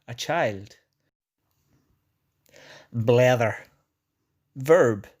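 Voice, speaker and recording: A man's voice: mid-range voice, a little mellow. Man narrating a language lesson. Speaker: narrator of an educational language video. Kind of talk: scripted explanatory narration.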